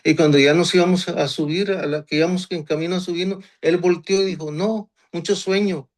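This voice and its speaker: A man in his sixties from Honduras shares his faith testimony. His voice sits a little high for a man. He speaks earnestly, often restarts, and says key phrases twice. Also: fairly even intonation, fast. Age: 60s. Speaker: guest giving a church testimony.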